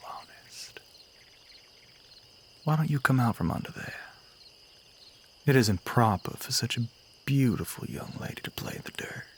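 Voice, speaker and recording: In an intimate audio roleplay, a man plays a courtly Southern vampire with a soft menace, speaking breathily and often close to a whisper. His voice sits on the low side, with a Southern US accent and a gentle, coaxing mood.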